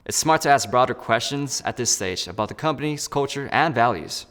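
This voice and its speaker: A man's voice: medium pitch, lively intonation, fairly quick, a bit bright, long reverb tail. A man role-playing a job candidate in a phone interview and explaining each step to the viewer in an upbeat way. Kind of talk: scripted role-play with asides to the viewer.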